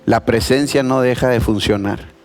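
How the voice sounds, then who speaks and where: Pastor preaching over soft music. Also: male voice, mid-range voice, moderate pace. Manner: conversational, animated storytelling with voiced quotes. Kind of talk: sermon. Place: church.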